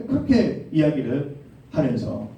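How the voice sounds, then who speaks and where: A man's voice: fairly high pitch, wildly swooping pitch, a little slow, muffled recording, slight background noise. A man preaching a sermon as youth pastor, often putting questions to his listeners. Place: church sanctuary. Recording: very echoey hall, mic far off.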